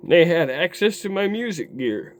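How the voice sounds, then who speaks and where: A man telling a raw personal story to his camera in a rambling, profane way, dropping low and quiet, then flaring into heated outbursts. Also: animated, moderate pace, slight background noise. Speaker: vlogger. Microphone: camera mic.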